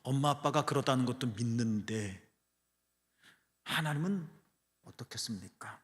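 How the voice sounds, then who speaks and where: A male pastor preaching a sermon, earnest, dropping to hushed low phrases and then rising to emphatic ones. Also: animated, moderate pace. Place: church sanctuary. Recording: long church hall reverb.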